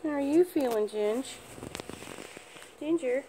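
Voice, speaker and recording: A woman chatting casually to pets in drawn-out, cooing baby talk. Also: sits high, animated, dark tone, a little hiss or hum, poor audio. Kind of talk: casual chat to pets in a home video.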